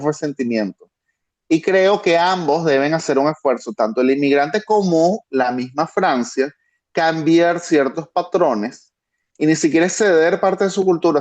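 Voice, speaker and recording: A Venezuelan man with a Venezuelan Spanish accent, a guest analyst thinking aloud with frequent restarts over a video call. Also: fairly high pitch. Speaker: guest, international security analyst. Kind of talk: conversational expert analysis.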